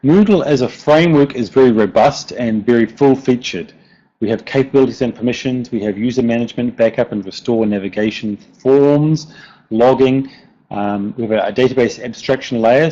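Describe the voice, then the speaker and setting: A man's voice: medium pitch, normal speed, warm tone. A man with a broad New Zealand accent giving an informal technical presentation, often hesitating and repeating words. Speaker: presenter, software developer. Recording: dull lo-fi online audio.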